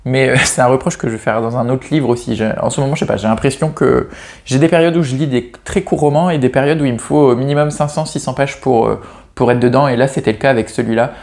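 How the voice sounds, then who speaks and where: A man's voice: medium pitch, quick pace, creaky, darkish tone. Chatty, hesitant French-speaking man. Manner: hesitant, frequent restarts and self-corrections; chatty and self-mocking. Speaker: book reviewer. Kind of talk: casual chat about novels.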